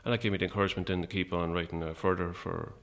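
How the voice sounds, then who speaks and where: Low, creaky Irish midlands man. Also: flat delivery, racing, a bit bright. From Longford, Irish midlands. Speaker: interview guest, playwright. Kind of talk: casual interview conversation.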